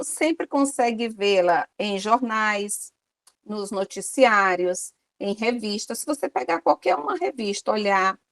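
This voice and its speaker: A woman's voice: on the high side, no room sound. A woman with a Brazilian Portuguese accent giving an online university lecture, explaining step by step and often checking in with her students.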